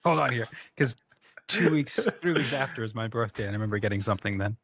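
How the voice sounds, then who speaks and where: A man's voice: on the low side, expressive, fast talker, creaky, fairly bright tone, breathy edge, no echo, studio quality. New man telling rambling stories. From New Zealand. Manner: rambling nostalgic storytelling. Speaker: podcast co-host. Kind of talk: casual chat.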